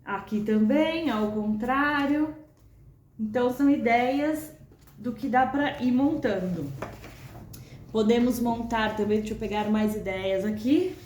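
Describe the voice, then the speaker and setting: Brazilian woman, music teacher, unhurried, high-ish voice, roomy echo. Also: darkish tone, a little hiss or hum. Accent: Brazilian Portuguese. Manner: explains patiently, chants rhythm words slowly. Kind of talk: video lesson.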